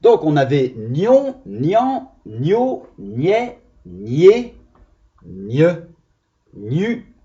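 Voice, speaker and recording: A male primary school teacher, giving a reading lesson on video and sounding out syllables slowly and carefully. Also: on the high side, wildly swooping pitch, warm tone. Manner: slow, deliberate, over-articulated syllables. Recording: dull lo-fi sound.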